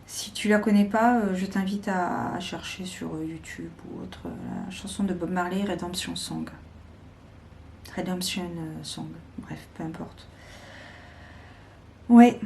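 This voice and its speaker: Slow, mellow-voiced woman reading tarot. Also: fairly low pitch, vocal fry, a little hiss or hum. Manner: slow, deliberate, with hesitations. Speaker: tarot reader. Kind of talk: weekly tarot guidance.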